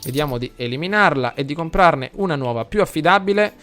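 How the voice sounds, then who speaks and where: A man with an Italian accent commentating a life simulation game for his viewers, chatty, talking to the audience and getting loud and excited during the action. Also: on the high side, a little fast. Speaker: gameplay commentator. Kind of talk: let's play commentary.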